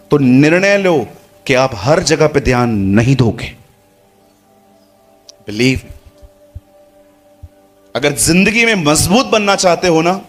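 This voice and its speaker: High-voiced man preaching a lively sermon. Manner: lively, acts out dialogue, addresses congregation.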